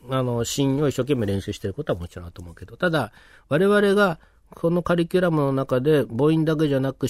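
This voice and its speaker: Man, mid-pitched pronunciation teacher, informal lecture, lots of fillers, dry sound. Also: a little mellow, no echo. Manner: informal, explains with many fillers and tag questions. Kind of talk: casual explanatory lecture.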